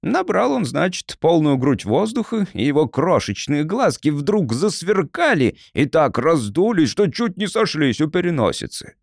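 A man reading an audiobook in the first person, telling it in a folksy, expressive way. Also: on the high side, normal speed, gravelly, few pauses, no echo, studio quality. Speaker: audiobook narrator.

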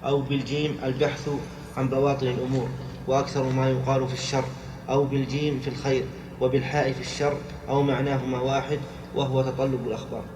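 Quiet man reading fast, from afar. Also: medium pitch. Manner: quick, flat, quiet reading. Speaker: student reading aloud. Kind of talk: reading a commentary aloud. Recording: distant voice in echoey room, clear noise.

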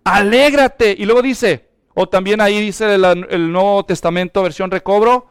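A man preaching an animated sermon and calling on the congregation to answer aloud. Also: high voice, moderate pace, clean tone. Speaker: pastor.

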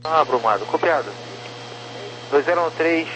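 A man's voice: a little high, expressive, moderate pace, a bit bright. A man working as an approach controller, giving clipped procedural instructions over a two-way radio, in the manner of police radio. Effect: two-way radio transmission. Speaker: air traffic approach controller. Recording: noisy crackly aviation radio channel.

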